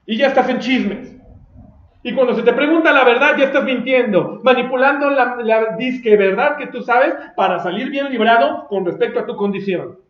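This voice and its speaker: Mexican male pastor, high voice, fiery and blunt sermon, roomy echo. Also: normal speed. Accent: Mexican Spanish. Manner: fiery and confrontational, with mocking asides. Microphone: recorded for video. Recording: roomy echo, dull lo-fi sound.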